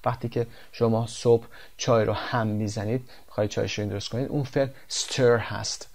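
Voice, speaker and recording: A Persian-speaking man teaching English words and pronunciation, slowing right down to read the English examples aloud. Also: lowish voice, fairly even intonation, creaky, a little mellow. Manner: slow, careful when reading English examples. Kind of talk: explaining English vocabulary and pronunciation.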